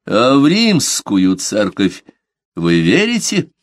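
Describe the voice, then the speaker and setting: This clean, dry studio recording has a man in a fairly low register reading the part of a grim, stern inquisitor, an older cleric, in an audiobook. He interrogates in a cold, probing way, taking it slowly with wildly swooping pitch and a heavily acted delivery.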